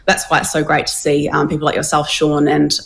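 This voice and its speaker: Low-voiced woman on a video call. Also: monotone, vocal fry, fairly bright tone. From New Zealand. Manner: earnest, measured, frequent fillers. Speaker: guest, women's advocacy CEO. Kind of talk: interview by video link.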